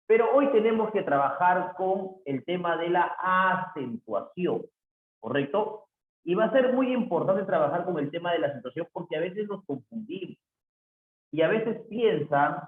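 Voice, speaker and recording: Man teaching an online class, slightly high voice, keeps checking with tag questions, roomy echo, thin phone-like sound. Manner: repeats the tag "¿no es cierto?" often, voices imagined student questions himself. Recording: echoey room over a tinny phone-like line.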